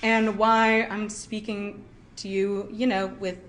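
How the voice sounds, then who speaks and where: A young woman from Cow Island, Louisiana, works as a lively museum guide, answering interview questions on location indoors at a heritage village. Her voice sits at a medium pitch and moves slowly, full of fillers and laughter.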